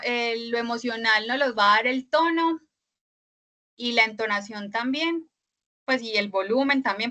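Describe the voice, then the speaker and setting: A woman's voice: fairly high pitch, bright, forceful tone. A woman instructor giving an online class lecture over a video call, explaining step by step with many fillers and frequent checks for agreement.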